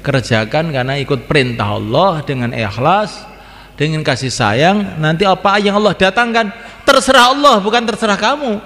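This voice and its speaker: Preaching at a moderate pace, this man has a slightly high, expressive voice with a fairly bright tone. His Islamic sermon is repetitive, with phrases said again and again and sing-song chanting of the call to prayer, recorded in a reverberant hall.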